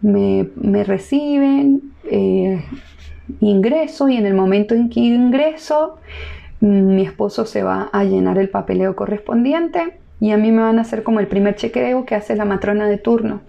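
Gravelly-voiced woman telling a story. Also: medium pitch, a little slow, lo-fi sound. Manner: lively, relaxed, chatty with laughter. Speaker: new mother telling her birth story. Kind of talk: casual storytelling to camera.

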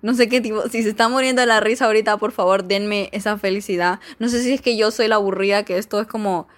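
A woman's voice: mid-range voice, fairly even intonation, fast. A young woman, chatting casually as she reads jokes aloud, giggly and full of fillers. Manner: giggly, chatty, filler-heavy, mock-exasperated. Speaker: vlogger reading jokes.

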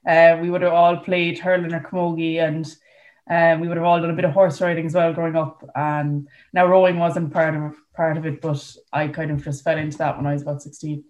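A woman's voice: on the low side, a little mellow. A woman with a west of Ireland accent chatting casually as a guest in an interview. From Galway, Ireland. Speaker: podcast guest, para rower. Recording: dull, muffled lo-fi audio.

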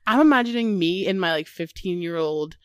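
A woman's voice: lowish voice, clean tone, dry recording, studio quality. A young woman with a Midwestern accent, co-hosting a podcast in casual, giggly chat full of "like". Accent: Midwestern American. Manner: giggly, rambling, heavy on "like". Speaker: podcast co-host.

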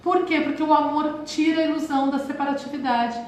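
In a reflective, spiritual live-streamed motivational talk, this Brazilian woman in her forties speaks with a Brazilian Portuguese accent and keeps calling her listeners "gente". Her high-pitched voice is steady in tone and fairly quick. The room is very echoey, and a faint hiss runs underneath.

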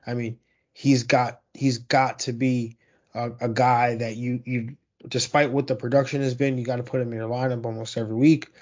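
Running through receiver stats in a loose sports-analysis monologue, this fantasy football host speaks at a moderate pace in a flat, slightly mellow, middle-pitched voice. He often doubles back, using fillers and starting sentences over. The recording sounds somewhat dull and lo-fi.

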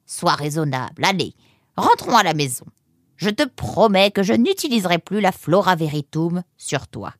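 A woman voicing a large, sly, motherly female fox in an audiobook, talking in a slow, coaxing way. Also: on the low side, big pitch swings, no room sound, studio quality. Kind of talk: audiobook character voice.

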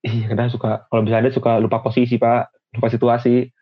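A man's voice: medium pitch, monotone, quick pace, no room sound. Young man with a tinny dry sound. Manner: slangy, hesitant, full of restarts. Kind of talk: casual chat.

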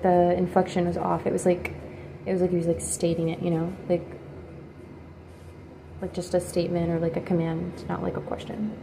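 A woman quietly telling a personal story in a hesitant, halting way, pausing often. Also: lowish voice, vocal fry, noisy background. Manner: hesitant and halting, with many pauses and fillers; quiet, subdued recounting. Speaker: video creator.

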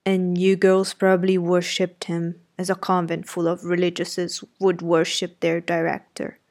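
Casting: a woman doing an imperious, sardonic master of the house for an audiobook; low-set, clipped and commanding. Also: completely flat delivery, unhurried, darkish tone. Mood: brusque, commanding. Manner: curt, imperious, sardonic questioning. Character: brusque commanding gentleman, middle-aged master of the house. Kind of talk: audiobook character reading.

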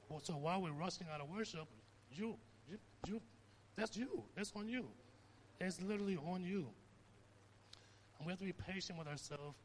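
A man's voice: fairly high pitch, slight background noise. A young man giving an informal sermon, talking conversationally and telling stories with rising emphasis. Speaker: preacher.

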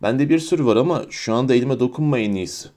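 A man's voice: medium pitch, fast talker, mellow, close to an everyday voice. A man voicing a spiteful teenage schoolboy bully who mocks and taunts. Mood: sneering. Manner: mocking and taunting.

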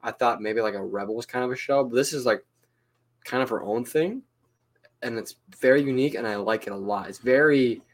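A man's voice: mid-range voice, brisk. A man co-hosting a casual fan podcast, opinionated and rambling, tagging his points with filler questions. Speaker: podcast co-host.

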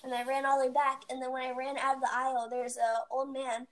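A woman's voice: sits high, flat delivery, fast. A teenage girl co-hosting a casual podcast, telling a rambling story with many fillers. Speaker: podcast co-host. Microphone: home mic, recorded remotely.

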